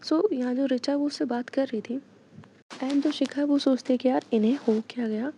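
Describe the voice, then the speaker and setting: A woman's voice: high voice, steady tone, normal speed, dark tone, slight background noise. A young woman casually retelling an audio story, chatty and full of fillers, in a dull lo-fi recording.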